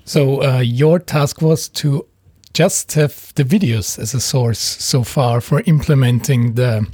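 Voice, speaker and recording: Male podcast host, measured questioning, husky mellow tone. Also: mid-range voice, no room sound. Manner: measured, asks long questions with pauses. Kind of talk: hosting a group interview.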